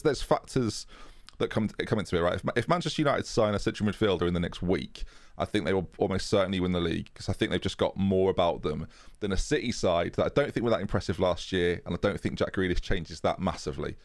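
A man's voice: sits low, fast talker, no echo, clean studio sound. A man co-hosting a casual football chat, talking in a chatty way with frequent restarts. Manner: chatty, restarts often with a laugh. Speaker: football podcast co-host.

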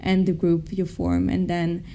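A young woman, formerly a pro athlete and now an MBA student, answers interview questions a little slowly in a fairly low, warm, creaky voice with monotone delivery. She stays upbeat but hesitant, restarting many times.

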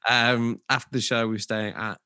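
A man's voice: mid-range voice, level tone, moderate pace, pushed and bright, smooth, no echo, studio quality. A man co-hosting a podcast, telling road stories in a casual, sweary way with frequent laughs. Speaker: podcast co-host, tour manager. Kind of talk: casual chat.

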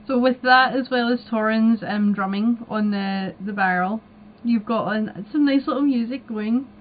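A woman narrating a tabletop game as game master in a calm, even tone over a video call. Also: fairly high pitch, normal speed. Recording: tinny call audio with music.

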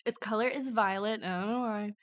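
A woman's voice: mid-range voice, brisk, a bit bright, dry recording. A woman co-hosting a chatty podcast, reading from her notes and breaking off into playful asides. She gets the giggles easily and pokes fun at herself while she explains. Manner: giggly, self-mocking, reads lists with asides. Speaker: podcast co-host. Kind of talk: casual chat, reading notes.

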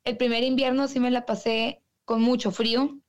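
A woman's voice: fairly high pitch, little pitch movement, normal speed, muffled recording. A woman from Monterrey with a northern Mexican accent, telling her stories as a guest in a casual, slangy way. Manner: chatty, slangy, quotes people in her stories. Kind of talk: casual storytelling in an interview.

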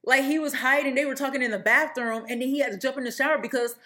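Woman, film podcast co-host, casual chat, rambling scene recaps, fairly high voice. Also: fairly even intonation, fast talker, crowd noise. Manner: chatty, retells scenes at length with many fillers.

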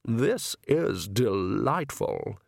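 A man's voice: on the low side, big pitch swings, drawn-out words, vocal fry, darkish tone, dry recording, clean studio sound, exaggerated voice. A man voicing a smug young male vampire aristocrat, drawling with disdain and amusement. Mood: disdainful.

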